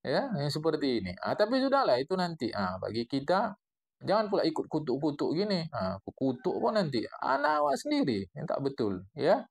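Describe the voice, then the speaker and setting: A man with a Medan Malay accent teaching a classical religious text, explaining it in a lively, digressive way with playful wordplay. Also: on the high side, a little fast, gravelly. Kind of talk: classical Islamic text study lesson.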